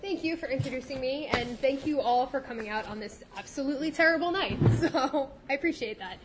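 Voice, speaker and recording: A fantasy author reads her novel aloud at a live event, steady and expressive, though her voice is a little off as she gets over a cold. Her voice sits high, she reads a little fast, and there is background noise.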